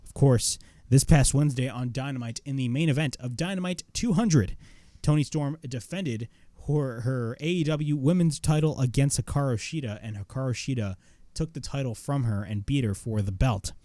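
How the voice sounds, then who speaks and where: A man's voice: medium pitch, moderate pace, mellow, no room sound, clean studio sound. A man reviewing a wrestling show in casual commentary, blunt, opinionated and swearing freely.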